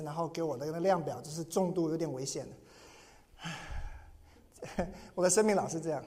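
A pastor preaching in earnest, telling a personal story and often repeating and restarting his words. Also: high-pitched. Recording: long hall reverb.

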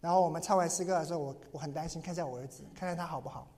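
A man's voice: fairly high pitch, racing, darkish tone. A pastor preaching in earnest, telling a personal story and often repeating and restarting his words. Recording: long hall reverb.

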